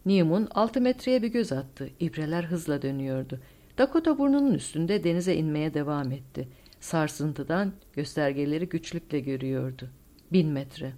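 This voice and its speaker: A woman narrating a war novel audiobook with dramatic, expressive storytelling. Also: low-pitched. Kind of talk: scripted narration.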